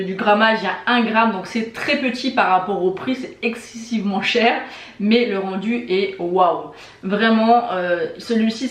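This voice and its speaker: A woman's voice: fairly high pitch, echoey room. A woman beauty vlogger casually reviewing her favorite makeup with enthusiastic, gushing praise.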